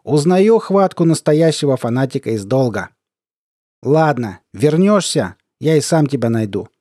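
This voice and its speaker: A man voicing a mocking, sly middle-aged army colonel who talks in a squeaky, lisping, cooing baby-talk voice. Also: lively intonation, normal speed, mellow, no echo, clean studio sound, close to an everyday voice. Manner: mocking, taunting.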